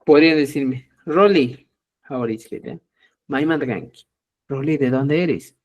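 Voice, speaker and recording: A middle-aged man teaching a live Quechua lesson, lively and acting out both sides of short dialogues, often checking with viewers and calling them dear friends. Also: medium pitch, a little slow, highs cut off. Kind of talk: live online language lesson.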